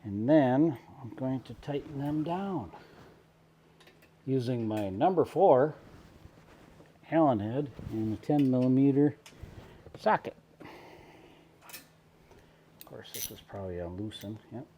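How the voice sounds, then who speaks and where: A man's voice: medium pitch, expressive, takes it slowly, pauses often, dull audio, slight background noise. Wry man muttering through a DIY job. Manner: wry, self-deprecating, muttering while working. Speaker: DIY car vlogger. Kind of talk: casual how-to narration. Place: inside his own vehicle with the top off.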